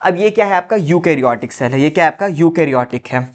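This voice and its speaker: An animated, fast-talking biology teacher with a higher-pitched male voice lectures his class. He refers to students as "बच्चा", leans on "ठीक है" a lot, and repeats questions only to answer them himself.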